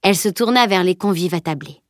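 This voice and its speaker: A woman's voice: fairly low pitch, expressive, fast, dry recording, studio quality. Woman reading a novel aloud. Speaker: audiobook narrator. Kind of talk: scripted narration.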